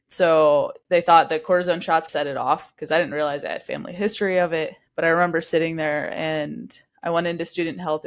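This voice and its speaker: A young woman in her twenties, a podcast guest telling a long personal story in a casual, chatty way. She sounds a little stuffy from allergies. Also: sits low. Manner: chatty, quick, with frequent likes and restarts.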